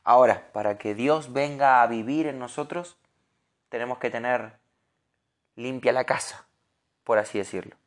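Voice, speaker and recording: A man with a Rioplatense Spanish accent giving an earnest, animated devotional sermon, sometimes restarting his words. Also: medium pitch, normal speed, long pauses. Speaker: preacher.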